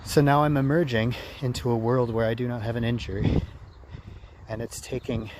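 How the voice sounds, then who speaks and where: A man talking casually to his vlog in a reflective, halting way, often repeating phrases as he works through his thoughts. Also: medium pitch, level tone, a little mellow, slight background noise. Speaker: vlogger. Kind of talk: casual personal vlog monologue.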